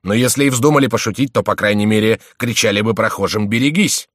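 A man voicing a brusque, commanding officer who barks gruffly in an audiobook. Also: lowish voice, fast, no echo, studio quality, voice pushed up, lightly acted. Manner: loud, gruff, barking.

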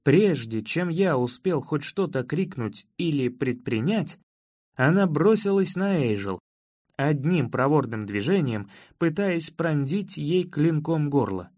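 A man reading a first-person story as an audiobook narrator, in measured, evenly paced storytelling. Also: on the high side, lively intonation, a little mellow, dry recording, clean studio sound.

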